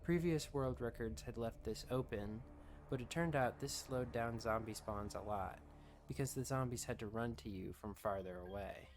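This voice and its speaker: A man's voice: medium pitch, normal speed, slight background noise. A man reading scripted documentary-style narration as the narrator of a video.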